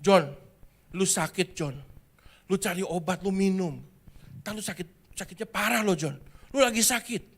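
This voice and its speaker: A man's voice: high-pitched, moderate pace, pauses often. Man doing a pushy, fretting young friend. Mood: concerned. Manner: insistent, repeating the worry in slang. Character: concerned young male student friend, pushy.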